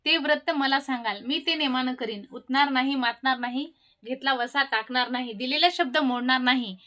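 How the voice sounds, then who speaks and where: A woman's voice: sits high, moderate pace, pushed and bright. A woman voicing a nervous young palace maid in a devotional tale. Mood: earnest. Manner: anxious, then earnestly vowing.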